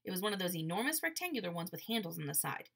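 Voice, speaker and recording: A woman narrating an audiobook chapter in a lively storytelling way. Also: lowish voice, racing, creaky. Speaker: audiobook reader.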